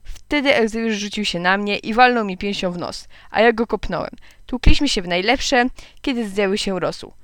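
A woman reading a children's story aloud in a lively, expressive way, with occasional slips she corrects. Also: mid-range voice, moderate pace, no room sound. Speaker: narrator.

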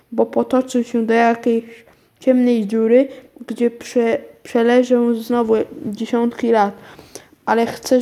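A woman reading aloud, voicing a tiny male magic bead with a soft, silvery little voice that turns solemn and urgent. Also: a little high.

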